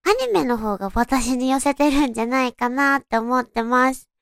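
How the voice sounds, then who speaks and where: With a high-pitched, expressive voice marked by vocal fry yet smooth overall, she talks at normal speed. This young woman hosts a solo audio show, casually and politely introducing herself in her cute, distinctive anime-like voice, with clean studio sound and no echo.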